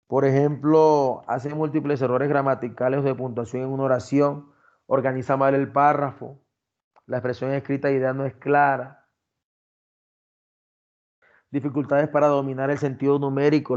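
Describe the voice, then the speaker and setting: A man's voice: medium pitch, flat delivery, moderate pace, long pauses, a little mellow. A man giving a recorded class lecture, explaining criteria step by step and addressing his students directly. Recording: dull lo-fi sound.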